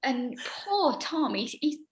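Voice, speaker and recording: A young actress telling backstage stories in an interview, rambling with lots of ums and hesitations. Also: female voice, big pitch swings, slow. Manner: rambling with many ums, acts out quoted lines in a high voice. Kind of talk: casual anecdote-telling.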